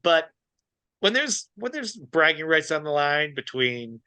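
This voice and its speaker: A man co-hosting a podcast in casual chat, easygoing and quick to laugh. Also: fairly high pitch, big pitch swings, sharp tone, clean tone, no echo. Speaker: podcast co-host.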